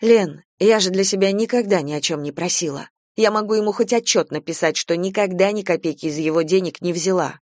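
A woman's voice: on the low side, a little mellow, dry recording, studio quality, natural voice. A woman reading an audiobook, voicing a worn-out single mother who complains bitterly about her ex-husband and his mother. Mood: aggrieved. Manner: fast, bitter, exasperated complaining.

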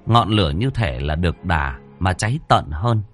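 A man narrating a ghost story in an expressive storytelling manner. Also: low-pitched, moderate pace, faint music behind.

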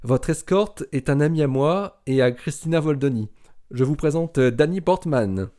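A man reading the part of a calm, friendly undercover astronaut with a breezy manner. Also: a little high, moderate pace, natural voice. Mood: reassuring.

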